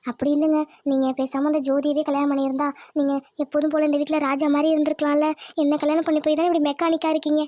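A woman voicing a gentle, self-blaming young village wife in a cartoon. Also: sits high, flat delivery, rapid-fire, few pauses, dry recording, natural voice. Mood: tender. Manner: soft, humble, pleading. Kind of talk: cartoon voice acting.

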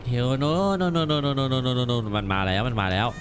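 A man commenting on a game as he plays, exclaiming and repeating words in quick excited bursts. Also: medium pitch, noisy background. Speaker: gameplay commentator. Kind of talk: let's play commentary.

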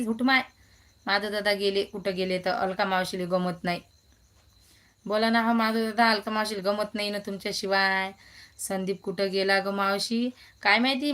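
A woman's voice: medium pitch, a bit bright. A woman, hosting a casual phone live stream, chatting and greeting viewers by name as she reads their comments.

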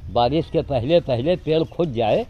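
A man's voice: mid-range voice, moderate pace, husky, lo-fi sound. An older man talking outdoors, coaxing animals he is feeding and giving chores to a helper in between. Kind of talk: casual outdoor narration.

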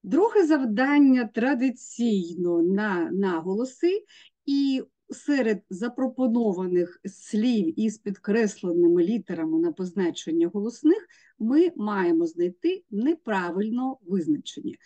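A woman's voice: medium pitch, expressive, a little slow, mellow, muffled recording. A woman teacher, walking students through exam tasks step by step and sounding out letters. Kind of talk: exam prep lesson.

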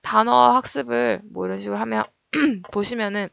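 A woman teaching English vocabulary in a recorded lecture, her voice bright and edged with vocal fry. She explains meanings and stress, often slowing down to model pronunciation. The sound is dry and a little dull, like lo-fi lecture audio. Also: a little high, dry recording.

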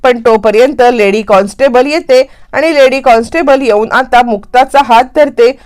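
A woman's voice: a little high, normal speed, a little mellow. A woman retelling a serial story, dramatically acting out the characters' lines in her own voice.

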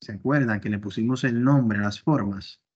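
A man's voice: on the low side, normal speed, husky. A male teacher explaining step by step in an online class while his audio glitches and cuts out over the network. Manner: step-by-step explaining, often checking with "bien". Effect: audio glitching and cutting out over the network. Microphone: video call. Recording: dull lo-fi online call audio.

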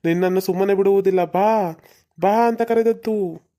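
A performer voicing a stern old male exorcist in a cartoon, speaking in slow formal commands. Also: medium pitch, dark tone, natural voice. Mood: commanding.

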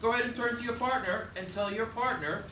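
Talking fast in an extremely high voice, this third grade teacher runs his class with projected, directive short prompts and call-and-response. A camera at the back of the indoor school classroom picks him up from a distance, so the sound is echoey with a little faint noise.

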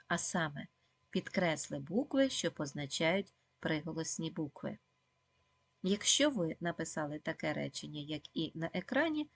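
A woman teaching a video lesson for second graders, speaking slowly and clearly, praising the pupils often and asking them questions. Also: deep voice, no echo. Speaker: primary school teacher.

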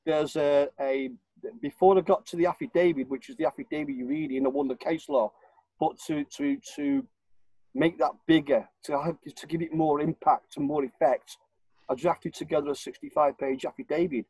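An older man with a northern English accent, a Warrington native, is a guest on a video call, speaking from his living room through a webcam. His fairly high, dark, slightly rough voice holds a steady tone at normal speed as he makes his case emphatically and insistently, repeating himself. The audio is dry and poor.

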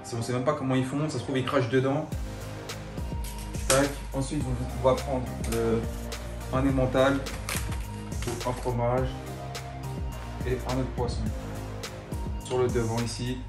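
A man's voice: mid-range voice, level tone, unhurried, long pauses. A man, casually demonstrating cooking. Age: 20s. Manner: slangy, informal banlieue talk. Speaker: vlog host. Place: home kitchen. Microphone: camera a few steps away. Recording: echoey kitchen, distant mic, music.

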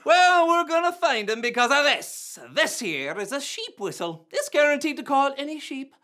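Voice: high voice, moderate pace, heavily acted. A performer doing a goofy beatboxing rapper guy. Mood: excited. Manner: excitable, shouty, laughing. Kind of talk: comic kids' sketch.

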